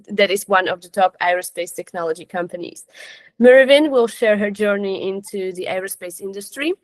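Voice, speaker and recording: A woman moderating a webinar over a video call, introducing speakers in a polite, brisk way. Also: mid-range voice, no room sound.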